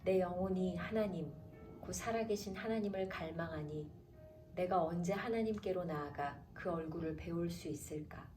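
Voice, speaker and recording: A woman announcer reading the Bible aloud in a calm, measured way, slowing down for the chapter headings. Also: on the low side, faint music behind. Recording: roomy echo, distant from mic, faint background noise.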